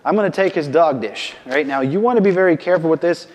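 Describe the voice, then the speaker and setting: A man's voice: fairly high pitch, quick pace, a little mellow, long reverb tail. A male dog trainer giving a casual instructional demonstration, often checking in with "okay?" and "right?", and calling out firm short commands to his dog.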